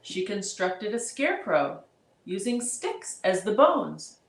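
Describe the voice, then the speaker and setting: Brief: a woman reading rhyming verse aloud, slow and measured, in an echoey room. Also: mid-range voice, sing-song. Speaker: storybook reader. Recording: roomy echo.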